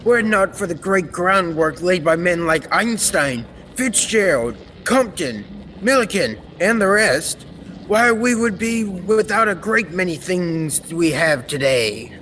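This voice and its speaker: Playing an earnest scientist-inventor who's proud of his work, a teenage or young adult student actor explains things formally and technically for an old-time radio serial. His voice sits high at a measured pace, recorded in a reverberant hall with steady background noise.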